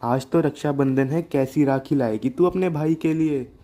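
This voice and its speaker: A man's voice: on the high side, moderate pace, warm tone, natural voice. A man voicing a chatty young village woman in a cartoon, chirpy and fussing over her friend.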